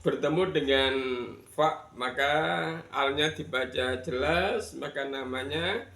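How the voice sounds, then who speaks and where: A man's voice: medium pitch, slow pace, fairly bright tone. A man from Indonesia teaching Quran reading rules, patiently spelling out letters and counting learners in. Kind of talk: tajwid lesson with recitation. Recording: echoey room.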